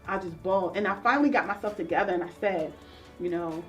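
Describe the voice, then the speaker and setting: An earnest woman counselor tells her own story in an interview, reflective and open. She sits a little back from the microphone. Soft music plays faintly underneath. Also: on the low side, fast, recorded from a distance. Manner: earnest and reflective, acting out remembered voices. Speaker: counselor guest.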